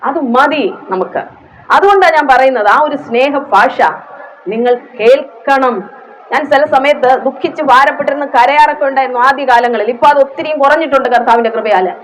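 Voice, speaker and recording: Brief: woman preacher with a Malayali accent, higher-pitched, emotional sermon delivery, faint room noise. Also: a little fast, low-quality recording. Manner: emotional, rising into fervent prayer; frequent hallelujahs.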